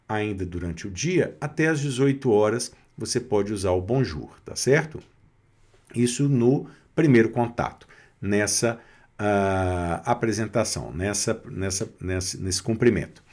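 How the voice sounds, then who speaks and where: A man with a Brazilian Portuguese accent teaching a beginner language lesson, patient, repeating words slowly and often checking that students follow. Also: on the low side, lively intonation, darkish tone. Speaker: French teacher.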